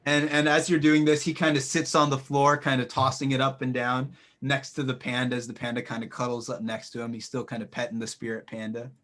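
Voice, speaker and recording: A man's voice: medium pitch, monotone, brisk, few pauses, a bit bright. A man running a tabletop role-playing game as game master, narrating scenes descriptively with frequent fillers and restarts. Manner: descriptive, hesitant with many fillers.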